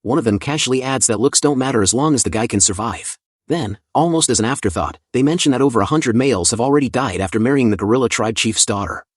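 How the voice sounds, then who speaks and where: A man's voice: medium pitch, fast talker, no room sound, studio quality. A man narrating a comic story recap in a casual, conversational scripted style with chatty asides.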